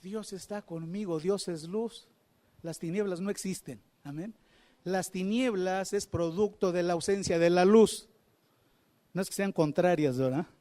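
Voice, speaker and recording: High-voiced male preacher, emphatic. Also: a little mellow. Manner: preaching with rhetorical questions to the congregation; emphatic, repeating phrases for stress. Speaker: pastor. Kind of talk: sermon.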